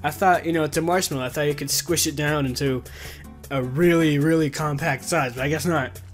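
A man's voice: fairly high pitch, steady tone, fairly quick, soft background music. A young man chatting casually to camera as a vlogger, into a desktop mic in a small room. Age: young adult. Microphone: desktop condenser mic, close.

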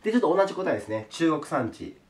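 Hoarse Japanese man teaching geography. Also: on the high side, sing-song. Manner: polite, explains slowly with checks like "ne". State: hoarse from a sore throat. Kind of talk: video lesson on geography.

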